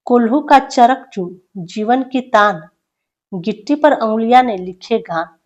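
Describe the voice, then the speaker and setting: A woman's voice: medium pitch, a little mellow. Woman, teacher, poetry lesson, emphatic recitation then loose explanation, slightly muffled recording.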